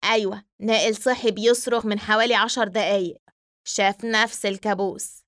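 A woman's voice: medium pitch, fairly even intonation, brisk, a bit bright, no room sound, studio quality, lightly acted. A woman with an Egyptian accent voicing a loyal young man who soothes his frightened friend. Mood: worried. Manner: soothing, reassuring, urgent.

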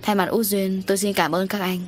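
A woman's voice: medium pitch, little pitch movement, brisk, noisy background, lightly acted. A woman doing an evasive, hot-tempered landowner. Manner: hesitant, then snapping.

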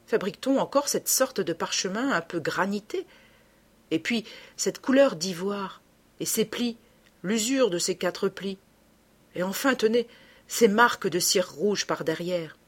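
A woman's voice: medium pitch, lively intonation, a little slow, breathy edge. Woman reading a keen young detective. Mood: reasoning. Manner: methodical, reasoning aloud. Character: young male amateur detective, keen and reasoning. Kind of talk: audiobook reading.

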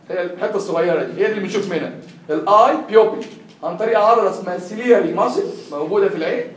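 A young man with an Egyptian accent tutoring a class, quizzing the students with constant questions in a classroom lecture. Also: high-pitched. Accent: Egyptian Arabic. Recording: echoey room, heard from far off.

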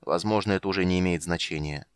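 A man playing a gruff, sullen giant warrior. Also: low-pitched, fast talker, no echo, clean studio sound, lightly acted. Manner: flat, gruff, muttering.

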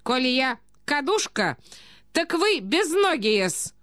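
A woman voicing a touchy, quarrelsome provincial lady who talks in a sharp, indignant way, clipping her words with a polite "-с" ending. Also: high-pitched, big pitch swings, slow pace, no room sound, studio quality, pitched above the performer's own voice, exaggerated voice.

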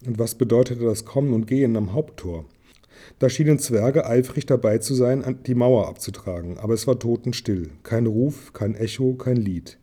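Man reading a story in a dark voice. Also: mid-range voice, normal speed. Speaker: audiobook reader. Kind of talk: reading a novel aloud.

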